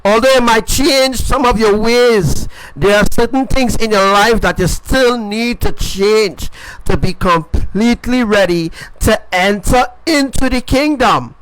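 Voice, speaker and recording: Male preacher, high-pitched, informal emphatic sermon with a faint noise floor. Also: a little slow, a bit bright, low-quality recording. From Caribbean. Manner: repetitive, emphatic, asks "right?" often.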